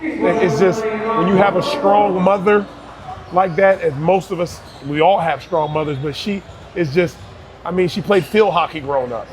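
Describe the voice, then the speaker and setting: Over crowd noise, a youth basketball coach from Barbados, in his thirties, talks earnestly at a moderate pace in a high voice. It's a casual interview, and he often begins his words again.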